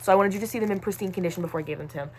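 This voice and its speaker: Young woman vlogger, casual and animated, teasing lectures, phone mic, faint background noise. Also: medium pitch, racing. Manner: chatty, playfully scolding, jumps to loud emphatic bursts. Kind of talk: casual unboxing vlog.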